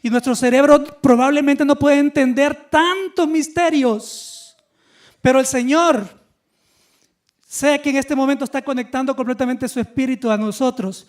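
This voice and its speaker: A male pastor preaching a Sunday sermon in a lively teaching manner, putting questions to the congregation. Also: very high voice, moderate pace.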